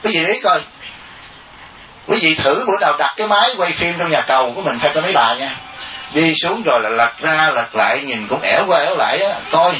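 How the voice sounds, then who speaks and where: A monk giving a dharma talk, animated and joking, often mimicking laypeople. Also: male voice, on the high side, brisk, over music. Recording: distant echoey lo-fi recording.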